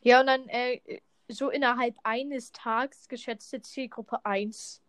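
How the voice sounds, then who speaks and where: A woman's voice: fairly high pitch, steady tone, slow pace, fairly bright tone, dry recording. Teasing, dry-voiced woman. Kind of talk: casual chat while opening in-game rewards.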